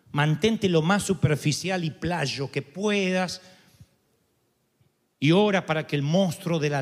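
High-voiced preacher in a hall. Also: male voice. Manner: emphatic, builds through repeated lists. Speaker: pastor. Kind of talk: sermon. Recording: long reverberant hall.

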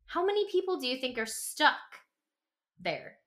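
This woman's voice is high and runs at a normal speed. She's a podcast co-host who lays out ideas in a casual, animated, emphatic way, leaning on rhetorical questions and acted-out quotes.

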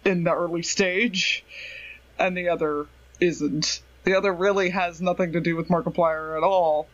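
A man's voice: high-pitched, steady tone, normal speed, fairly bright tone. A man co-hosting a podcast, chatty and self-deprecating in casual talk. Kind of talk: casual chat. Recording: slightly dull lo-fi recording.

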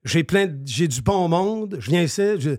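An older man with a Quebec French accent, a guest telling stories in animated, casual radio chat with many fillers. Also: a little high, moderate pace.

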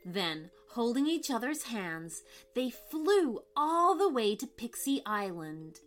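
A woman narrating a scripted children's story in an expressive, dramatic way. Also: on the high side, takes it slowly. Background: background music.

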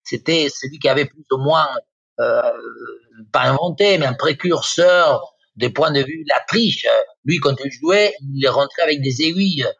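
A man's voice: on the high side, normal speed, a bit bright, husky, no echo, muffled recording. A man in his fifties from Argentina, Spanish-native with an Argentine accent, speaking as a guest pundit on football with many hesitations and restarts. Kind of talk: radio football talk.

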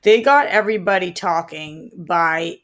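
With a fairly low, fairly bright voice and a measured pace, this woman co-hosts a casual film podcast. She talks about movies with the emphatic enthusiasm of a devoted fan.

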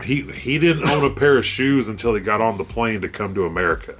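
A man with a fairly low voice holds forth on a casual podcast. He rambles, restarts his sentences and swears freely as he tells a story, while soft music plays faintly underneath. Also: expressive, fairly quick. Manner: rambling storyteller, curses a lot, restarts often. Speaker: podcast co-host. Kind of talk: casual chat.

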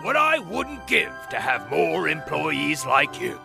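A man's voice: a little high, huge pitch swings, slow pace, gravelly, over music, full character voice. A man voicing a devoted, unhinged railway boss in a cartoon, melodramatic and pleading. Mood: fond. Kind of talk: animated comedy acting.

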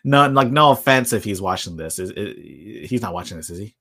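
A man's voice: on the low side, animated, fairly quick, pushed and bright. A man in his late twenties hosting a podcast, chatting in a jokey, self-mocking way. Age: late 20s. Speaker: podcast host. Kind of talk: casual podcast chat.

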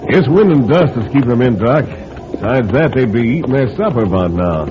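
An actor playing a cold, decisive bandit leader with folksy western wording in an old radio drama. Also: male voice, medium pitch, lively intonation, a little fast, lightly acted. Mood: scheming. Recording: muffled, noisy vintage radio recording.

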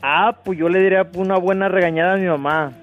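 A man's voice: high voice, steady tone, fast, highs cut off, faint music behind. A man calling in to a comic show, bantering playfully. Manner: playful, joking back. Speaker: caller. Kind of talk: casual banter.

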